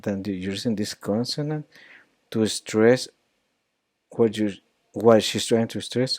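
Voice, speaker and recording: A man teaching pronunciation, repeating words and phrases slowly to model the sounds. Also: on the low side, warm tone, no room sound. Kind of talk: accent coaching lesson.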